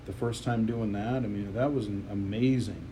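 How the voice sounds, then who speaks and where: A man's voice: lowish voice, steady tone, moderate pace, dark tone, a little hiss or hum, poor audio. A man co-hosting a casual podcast about video games, talking in a rambling way and often restarting his sentences. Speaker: podcast co-host. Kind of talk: casual gaming chat.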